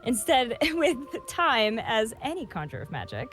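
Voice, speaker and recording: A woman's voice: a little high, huge pitch swings, normal speed, a bit bright, soft background music. A woman voicing a smug, teasing male swordsman villain as she reads fan fiction aloud, in a silky, mocking way.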